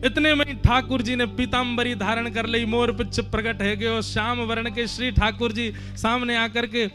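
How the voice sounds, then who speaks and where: A man's voice: very high voice, little pitch movement, moderate pace, bright, forceful tone, soft background music. A man telling a devotional story in an emotive, sing-song way. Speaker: katha storyteller.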